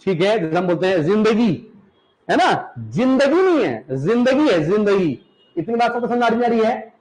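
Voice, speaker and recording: A male teacher from the Uttarakhand hills gives a classroom lecture, repeating words slowly for students to copy and often checking that they understand. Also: high voice, lively intonation, a little mellow, low-quality recording.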